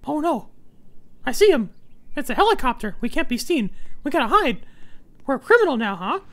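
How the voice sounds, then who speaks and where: A man voicing a small, excitable cartoon mouse in a squeaky falsetto, commentating on a video game in character. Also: fairly quick, heavily acted. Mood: panicked. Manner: excitable, exclaiming, panics easily.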